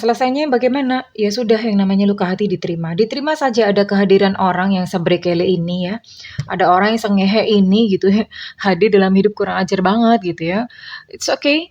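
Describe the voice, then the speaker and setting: Gentle woman giving a tarot reading. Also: mid-range voice, muffled recording. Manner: gentle, reassuring, calls listeners dear, drops in English phrases. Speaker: tarot reader. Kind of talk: casual tarot reading to viewers.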